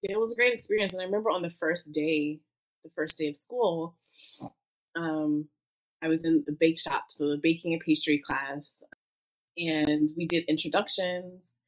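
A woman telling her story in an interview, talking through tears, halting with many fillers. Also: deep voice, steady tone, slight background noise, low-quality recording. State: tearful. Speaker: guest.

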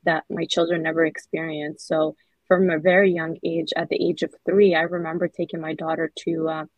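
Casting: earnest Somali-born woman guest, husky low voice, dull lo-fi audio. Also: level tone, no echo. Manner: earnest, measured, many soft fillers. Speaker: children's book author, guest. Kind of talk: reflective interview answers.

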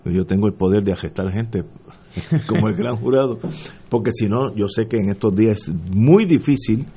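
A man's voice: fairly low pitch, moderate pace, warm tone, slight background noise. An older man with a Puerto Rican accent hosting a talk show interview, rambling and joking as he talks. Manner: joking, rambling, laughs often. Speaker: radio talk show host.

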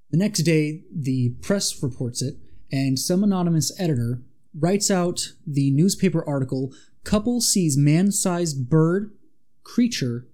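Mellow-voiced man telling a spooky tale. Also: fairly high pitch. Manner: animated, dramatic retelling with asides. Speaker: podcast co-host. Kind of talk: casual storytelling chat.

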